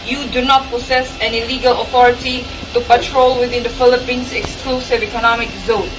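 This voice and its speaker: A woman coast guard radio operator delivering a formal, firm challenge over a marine radio transmission. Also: a little high. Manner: firm, measured, steady delivery. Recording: distant echoey radio audio under news music.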